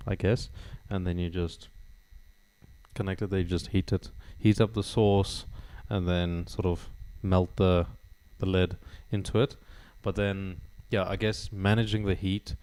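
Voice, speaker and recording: A man's voice: sits low, little pitch movement, measured pace, darkish tone. A man chatting casually with livestream viewers, laughing often, on a studio microphone at home. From South Africa. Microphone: studio dynamic microphone.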